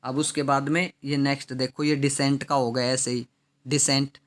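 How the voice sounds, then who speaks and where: A man teaching English vocabulary with an Indian English accent. He spells words letter by letter, reads sentences out slowly, and asks questions that he then answers himself. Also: medium pitch, flat delivery. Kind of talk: classroom lesson explaining vocabulary.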